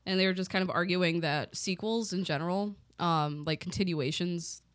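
A woman's voice: on the low side, moderate pace, dry recording, clean studio sound. Blunt, swearing woman podcast co-host. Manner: blunt, swears freely, animated rants. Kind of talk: casual chat.

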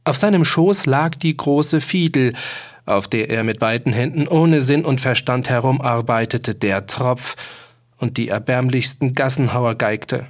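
A man reading a story aloud as an audiobook narrator, in a measured, theatrical way. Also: mid-range voice. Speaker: audiobook reader.

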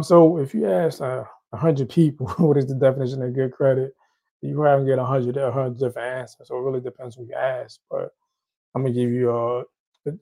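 Warm and mid-range, this voice belongs to a man from Haiti who speaks with a Haitian accent. As host of a laid-back Q&A show on credit, he talks loosely and often starts his phrases over.

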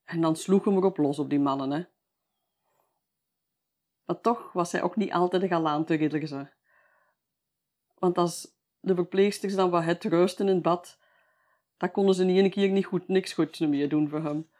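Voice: mid-range voice, moderate pace, pauses often, a little mellow. A storyteller with a Flemish accent, telling a local tale in a chatty, folksy way, often adding a tag at the end of sentences.

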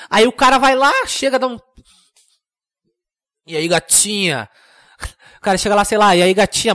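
High-voiced self-mocking young man. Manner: self-mocking, deadpan, rambling. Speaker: podcast host. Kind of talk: comedic solo podcast monologue.

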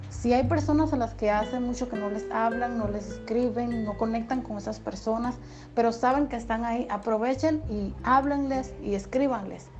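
A woman's voice: fairly high pitch, dull audio. Dominican woman podcaster over guitar music. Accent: Dominican Spanish, softened toward neutral. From Dominican Republic. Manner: encouraging, chatty, with frequent fillers. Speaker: podcast host and radio announcer. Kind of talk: casual motivational podcast talk.

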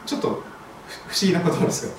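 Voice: very fast, slight background noise. Pastor preaching in an echoey hall. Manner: vivid storytelling, dramatizes scripture scenes. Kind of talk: sermon. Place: church hall. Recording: very echoey hall, voice far from mic.

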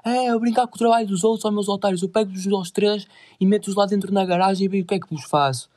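A young man putting on the voice of a menacing adult stranger who shouts threats. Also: high-pitched, lively intonation, fairly quick, no room sound, studio quality, voice pushed up. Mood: aggressive.

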